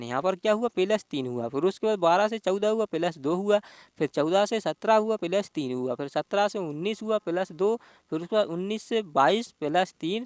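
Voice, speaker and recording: A man's voice: high voice, no echo, studio quality. A male teacher giving an exam-prep reasoning lesson, explaining step by step and asking himself rhetorical questions.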